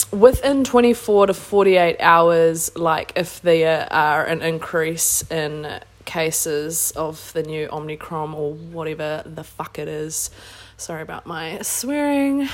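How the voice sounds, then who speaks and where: A woman's voice: sits low, takes it slowly. A woman with a New Zealand accent hosting a casual solo self-help podcast, speaking earnestly, emphatically and informally. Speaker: podcast host.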